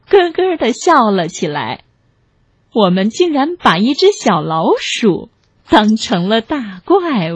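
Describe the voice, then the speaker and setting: Woman storyteller, children's story reading, breathy voice, dry close sound. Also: fairly high pitch, dry recording, highs cut off. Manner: animated, gentle.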